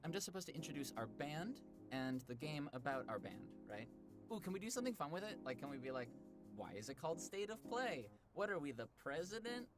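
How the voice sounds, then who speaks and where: A voice actor playing an excitable young indie pop singer in a game trailer, pitching with bubbly energy. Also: brisk, lightly acted. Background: music.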